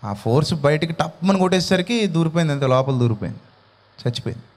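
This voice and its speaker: A male pastor preaching a sermon in an animated way, full of rhetorical questions. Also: fairly high pitch, fast talker, in a large hall.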